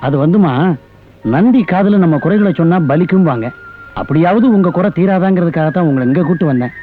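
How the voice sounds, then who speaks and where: An actor as a humble servant, gentle respectful explaining, thin tinny sound, faint music. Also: male voice, high voice, fairly quick, natural voice. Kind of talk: film dialogue. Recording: thin, phone-like old film sound with music.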